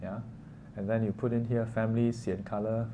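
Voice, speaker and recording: His voice sits on the low side, level in tone and brisk in delivery. Speaking with a Singaporean or Malaysian accent, he runs a casual, interactive lesson, often lobbing short questions with local particles at the class. There's clearly noisy ambience in the room.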